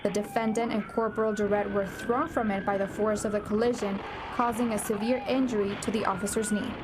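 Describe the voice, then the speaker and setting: A woman narrating a TV news report in a crisp, formal delivery. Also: mid-range voice, little pitch movement, fairly quick, background noise.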